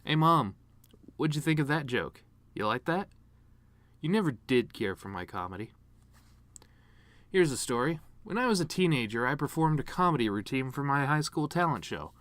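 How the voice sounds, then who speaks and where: Playing a bitter, grieving horse delivering his mother's eulogy, a man rambles through a dramatic monologue full of sardonic, self-deprecating deadpan humor, sounding wistful and sardonic. His medium-pitched voice is close to an everyday one, moderately paced with long pauses and no echo.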